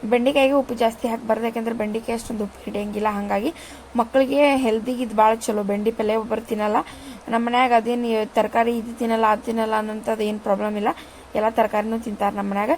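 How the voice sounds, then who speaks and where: A woman's voice: a little high, flat delivery, quick pace, a little mellow, slight background noise, low-quality recording. A woman, chatting casually to viewers as she cooks in her home kitchen. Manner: chatty, rambling, addresses viewers with "ri". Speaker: vlogger. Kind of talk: casual cooking narration.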